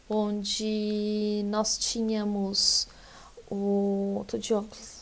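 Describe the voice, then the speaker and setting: A middle-aged woman law lecturer telling a courtroom anecdote in a casual, animated way, acting out the people she quotes. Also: mid-range voice, gravelly. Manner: animated storytelling, acts out quoted voices.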